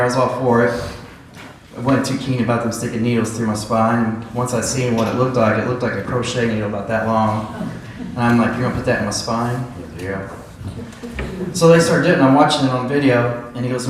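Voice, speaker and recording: A man's voice: medium pitch, slight background noise. A man's echoey church testimony. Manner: animated storytelling, acting out dialogue. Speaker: church member giving a testimony. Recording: echoey church hall, voice heard from a distance.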